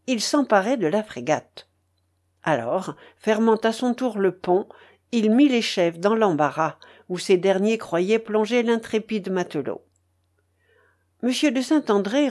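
A woman reading a story aloud as an audiobook narrator, in a measured, dramatic way. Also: medium pitch, darkish tone.

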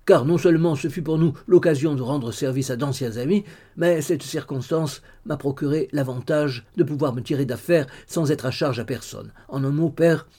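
A man's voice: a little high, normal speed, warm tone. A man reading the lines of an earnest young man explaining his plans to his father in an audiobook. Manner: earnest, persuasive.

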